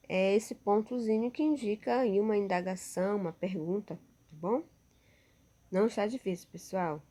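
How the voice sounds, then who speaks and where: A woman's voice: mid-range voice, dark tone. A woman teacher with a Brazilian Portuguese accent giving a recorded lesson over slides, patient and checking in with her pupils often.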